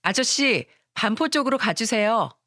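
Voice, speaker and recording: A woman's voice: animated, moderate pace, no room sound, studio quality, lightly acted. A woman voicing a sweet-talking, two-faced young daughter-in-law with a fawning, coaxing manner in a radio story. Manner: fawning, coaxing, shrill when cornered.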